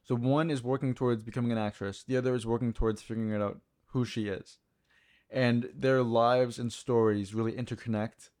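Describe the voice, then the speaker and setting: A man's voice: mid-range voice, steady tone, a little fast, darkish tone. A man co-hosting a podcast, explaining at length in a chatty, casual way. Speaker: podcast co-host. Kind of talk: casual film discussion.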